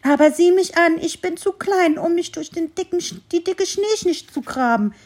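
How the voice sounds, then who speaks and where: A woman's voice: high-pitched, a little slow, a little mellow, pitched above the performer's own voice. A woman voicing a grumpy little squirrel who complains fussily, for a children's story. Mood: desperate. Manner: fussy, complaining, exclaiming. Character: grumpy little squirrel, cross and easily upset.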